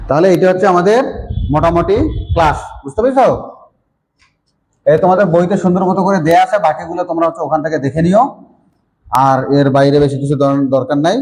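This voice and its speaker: A man's voice: on the high side, fast talker, long pauses, darkish tone, low-quality recording. A man teaching an online grammar class, explaining letters and often checking that students understand.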